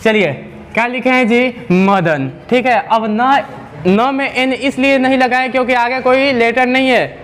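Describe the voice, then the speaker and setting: Guy teacher with a high voice, drags out sounds, keeps asking the class questions. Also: fairly bright tone. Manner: repetitive, drawn-out sounds, asks rhetorical questions. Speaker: English teacher. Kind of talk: classroom lesson explanation.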